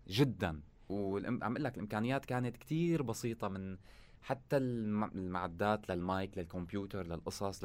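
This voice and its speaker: A man with a Syrian Arabic accent talking casually as a musician guest in an interview, telling things colloquially in short bursts. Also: low voice.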